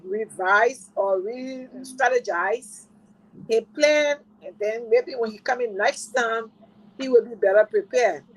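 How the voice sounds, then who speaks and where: Liberian woman, higher-pitched political analyst, earnest, rhetorical questions. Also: poor audio. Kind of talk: panel discussion.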